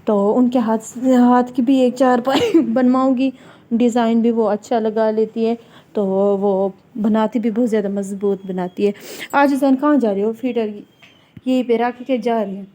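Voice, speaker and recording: A woman's voice: fairly high pitch, steady tone, dark tone. A young woman and mother chatting casually through a home vlog, rambling from topic to topic and cooing in a sing-song to her baby. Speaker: family vlogger, mother of a small child.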